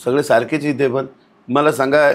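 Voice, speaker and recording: A medium-pitched man with a steady tone speaks at a moderate pace as an outspoken podcast guest on local civic matters. In the conversational interview he is blunt, indignant and scolding, leaning on rhetorical questions.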